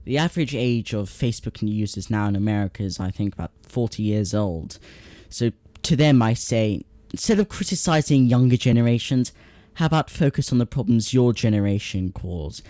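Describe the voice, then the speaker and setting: A man's voice: medium pitch, animated, moderate pace, dark tone, dry recording. A man hosting a comedy commentary video, reading out social media posts in a sarcastic, exasperated tone. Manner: sarcastic, exasperated, mock-incredulous.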